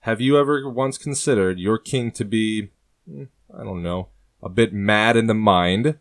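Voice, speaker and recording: A man's voice: lowish voice, measured pace. A man voicing a sly old rebel who taunts and patronizes his rival. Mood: taunting.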